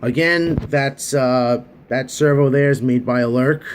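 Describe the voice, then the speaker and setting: A man talking through a casual hobby gadget review at a middling pitch. He rambles in a chatty, earnest way, full of fillers and restarts. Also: measured pace, slight background noise.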